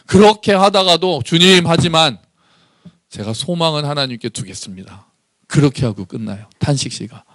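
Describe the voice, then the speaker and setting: Male pastor, lively and fairly high-pitched sermon delivery, dry close sound. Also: moderate pace, dry recording. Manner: animated, acts out anguished prayers with rising voice; asks the congregation questions. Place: church.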